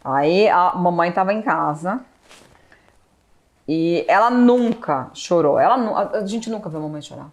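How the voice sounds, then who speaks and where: A woman's voice: lowish voice, measured pace. A grown daughter telling a moving family story in casual conversation, tearful at moments and acting out the dialogue she quotes. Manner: animated, acts out quoted dialogue. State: tearful at times.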